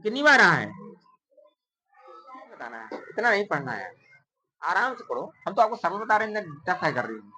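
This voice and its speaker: A woman's voice: fairly low pitch, big pitch swings, moderate pace, pauses often, pushed and bright, poor audio. A woman math teacher in a classroom, counting digits aloud, mixing in English number words, and quizzing her pupils with repeated questions in a coaxing way. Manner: calls pupils "beta" in a coaxing tone. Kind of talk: classroom lesson.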